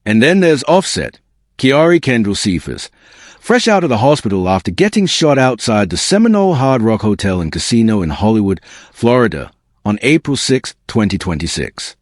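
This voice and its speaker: A lowish-voiced man delivers a scripted gossip exposé with very lively pitch swings. He sounds smug and sarcastic, landing slangy, punchy lines. The recording is dry and close, with no room sound. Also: normal speed, no room sound. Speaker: gossip commentary video narrator.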